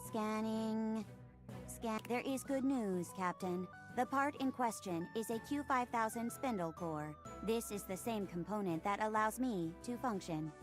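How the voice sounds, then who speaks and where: A woman's voice: medium pitch, a little slow, music in the background, natural voice. A woman voicing a dutiful robot ship assistant, with stiff, formal robot speech and spoken beeps.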